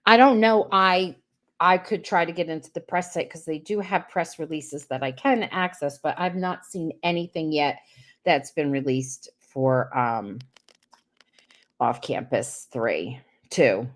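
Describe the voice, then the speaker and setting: A woman's voice: deep voice, a little slow. A woman hosting a casual live-stream chat over a video call, talking in a rambling way with many restarts. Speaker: host.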